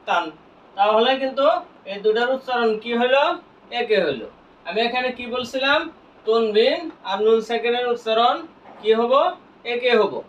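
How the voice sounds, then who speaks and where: A man teaching Quran reading, who asks each point as a question, answers it himself, and spells out letters slowly. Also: extremely high pitch, a bit bright, slight background noise. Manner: slow, drawn-out spelling of letters. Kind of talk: classroom lesson with call-and-response questions. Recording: echoey, distant, dull lo-fi room sound.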